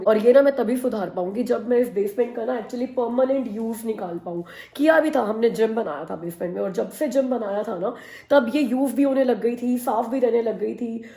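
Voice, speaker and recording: A woman's voice: a little high, gravelly, mellow. A woman in her thirties with a Hindi accent, chatting casually to her vlog audience and poking fun at herself. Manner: chatty, mixes Hindi and English, self-mocking. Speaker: vlogger.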